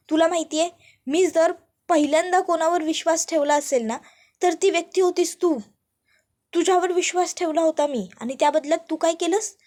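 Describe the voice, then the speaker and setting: A woman voicing a furious young man in a serial recap, shouting accusations and demanding answers. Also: a little high, natural voice.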